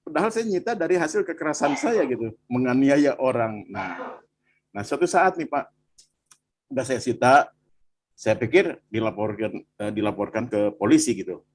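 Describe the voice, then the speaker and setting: Husky-voiced man from Bandung, animated testimony, mid-pitched, talks to the listener directly. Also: normal speed. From Bandung, Indonesia. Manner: animated storytelling, frequent "Pak" and "gitu". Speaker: guest telling his testimony. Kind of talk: personal testimony in conversation.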